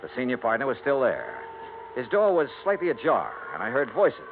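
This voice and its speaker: In a 1950s radio noir drama, an American man with a mid-range voice plays the lead detective and narrator, a dogged, wry insurance investigator. His clipped, dry delivery is brisk and brooding, with wildly swooping pitch. The tinny old broadcast has music and noise in the background.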